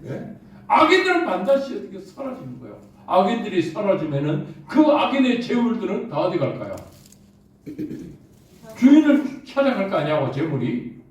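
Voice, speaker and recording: A man's voice: high-pitched, wildly swooping pitch, normal speed. A man preaching a sermon as pastor, asking his listeners one rhetorical question after another. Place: church sanctuary. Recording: very echoey church from far off.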